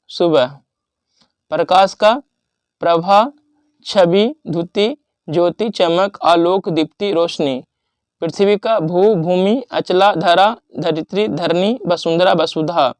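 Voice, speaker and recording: A man teaching exam revision, reading out word lists and rules in a steady listing manner with pauses. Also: sits high, no echo.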